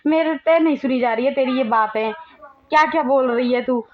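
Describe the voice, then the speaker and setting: A woman's voice: high voice, fairly quick, muffled recording, natural voice. A woman doing a fussy, dramatic mother-in-law. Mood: dismayed. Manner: boastful, then wailing theatrically. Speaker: voice actor for a cartoon story. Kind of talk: Hindi cartoon dubbing.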